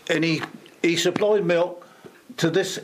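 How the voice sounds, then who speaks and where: An older man being interviewed, recalling old times in a halting, folksy way, often repeating his words. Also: high voice, steady tone, slight background noise, rough recording. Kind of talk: reminiscing in casual chat.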